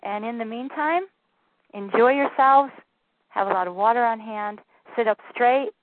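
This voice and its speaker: Soft-spoken woman leading a spiritual session. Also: on the high side, normal speed, dry recording. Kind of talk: guided meditation instructions. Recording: tinny phone-line sound, dry.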